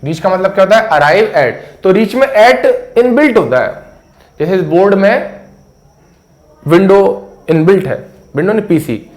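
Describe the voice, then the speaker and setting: A man teaching English pronunciation at a board in a chatty, jokey way, repeating key words to drill them. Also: sits high. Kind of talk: casual classroom lesson at a board.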